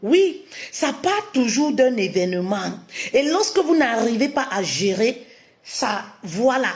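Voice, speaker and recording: A woman relationship coach giving a live-streamed talk, cutting in with emphatic affirmations and posing many rhetorical questions to her listeners. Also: sits high. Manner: addresses listeners warmly as "my queens", repeats key phrases.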